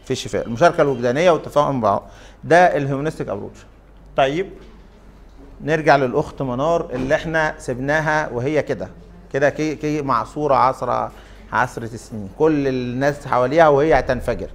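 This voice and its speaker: A man's voice: mid-range voice, quick pace. A man with an Egyptian Arabic accent giving an interactive lecture. He often questions the class and stretches out his fillers.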